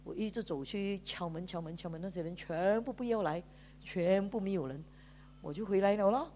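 Woman pastor, Malaysian Mandarin accent, heartfelt testimony from the pulpit, drawn-out particles, medium pitch. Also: dark tone, slight background noise. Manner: storytelling with drawn-out sentence particles, mixing in English words. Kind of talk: emotional sermon testimony. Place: church.

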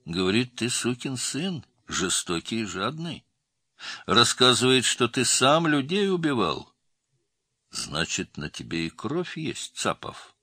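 A man's voice: medium pitch, very animated, takes it slowly, pushed and bright, slightly rough, dry recording, studio quality, voice pushed up, exaggerated voice. A man doing a sly, prying cellmate. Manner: prying and falsely good-natured, raised voice. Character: sly, probing male cellmate informant.

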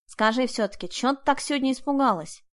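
Woman doing a male bandit, hoarse, gruff, suspicious, raised higher voice. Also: lively intonation, a little fast. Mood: demanding.

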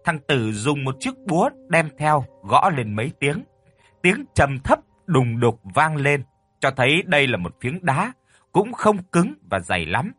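A man narrating a horror story with a lively storytelling delivery. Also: fairly high pitch, unhurried, slightly rough, no room sound. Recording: dry close mic with faint music.

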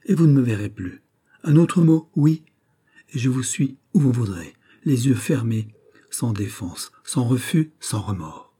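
A man's voice: mid-range voice, lively intonation, a little slow, warm tone, slightly rough. A man voicing a passionate, insistent marquise. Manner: impassioned, pleading and insistent. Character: proud passionate noblewoman, a marquise. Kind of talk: audiobook reading of a classic novel.

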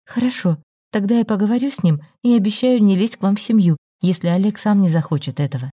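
A woman voicing a calm, firm woman of forty. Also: mid-range voice, quick pace, slightly rough, no echo, studio quality, pitched above the performer's own voice, natural voice. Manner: calm, firm, matter-of-fact.

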